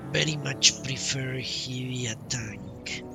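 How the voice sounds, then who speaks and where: This man, a game streamer, offers relaxed live commentary, pondering aloud in short bursts over game music. His medium-pitched delivery is slow and carries vocal fry.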